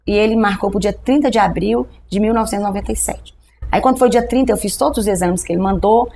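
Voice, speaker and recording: Fast-talking Brazilian woman pastor. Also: mid-range voice, gravelly, slight background noise. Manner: animated storytelling, acting out dialogue with a doctor. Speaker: pastor, guest telling her testimony. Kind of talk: testimony in a podcast interview.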